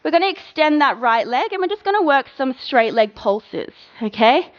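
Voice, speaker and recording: A woman fitness instructor cueing a workout, coaching with brisk encouragement and counting down the reps. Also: sits high, very animated, muffled recording.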